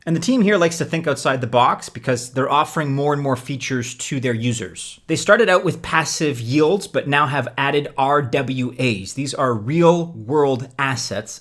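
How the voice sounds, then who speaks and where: A man's voice: medium pitch, normal speed, a bit bright. A man hosting a scripted explainer video, speaking like a presenter with conversational, casual asides. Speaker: host of a crypto investing video.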